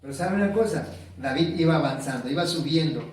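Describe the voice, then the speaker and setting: High-voiced preacher in an echoey hall. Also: male voice, fairly quick, far from the mic. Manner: asks the congregation questions and repeats key words. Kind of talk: sermon.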